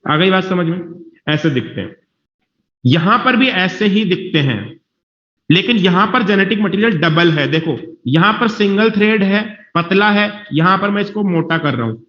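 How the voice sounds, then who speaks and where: Teacher guy, highish voice, keeps checking if the class gets it, roomy muffled recording. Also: lively intonation, normal speed, fairly bright tone. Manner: reassuring, repeats himself, checks whether students follow. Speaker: biology teacher. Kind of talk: classroom lecture. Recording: dull, echoey classroom recording.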